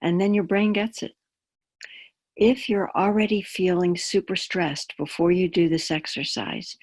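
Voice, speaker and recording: Low, husky woman calmly guiding a grounding exercise. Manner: calm, gentle, instructive guidance. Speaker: wellness instructor leading a grounding exercise. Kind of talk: guided grounding exercise with explanation.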